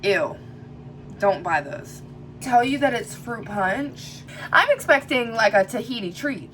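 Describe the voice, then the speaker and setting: A woman's voice: fairly high pitch, animated, measured pace, a bit bright, slight background noise. A young woman talking candidly to camera in a casual vlog, chatty and full of likes. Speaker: vlogger.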